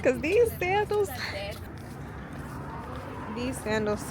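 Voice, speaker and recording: A woman's voice: high voice, big pitch swings, drawn-out words, a crowd in the background. A woman vlogging in casual chat, filler-heavy and laughing often.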